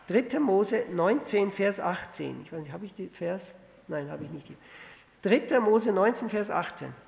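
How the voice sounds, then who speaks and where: A man with a gravelly, creaky voice preaches a verse-by-verse sermon in a conversational way. He stumbles into restarts and keeps checking in with his listeners through rhetorical questions. His voice rings out with a long reverb in a church hall. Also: high voice, expressive, moderate pace, darkish tone. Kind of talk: sermon, verse-by-verse Bible exposition.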